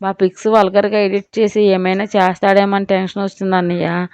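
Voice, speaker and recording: A woman's voice: medium pitch, little pitch movement, a little fast, darkish tone, smooth, no echo, close to an everyday voice. A woman voicing a frightened young woman who speaks through tears to her older brother. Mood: tearful. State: tearful.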